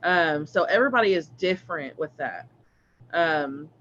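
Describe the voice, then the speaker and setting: High-voiced man, hesitant, on lo-fi audio. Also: animated, moderate pace, fairly bright tone, slight background noise. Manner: rambling, hesitant, many fillers and restarts. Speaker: host of a live spiritual reading stream. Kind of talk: casual live-stream chat. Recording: dull lo-fi stream audio.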